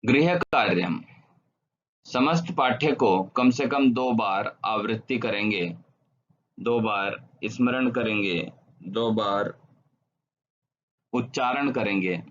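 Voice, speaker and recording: A man teaching a Sanskrit grammar lesson online, reciting verb forms in a slow, measured way. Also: on the low side, fairly bright tone, muffled recording, slight background noise.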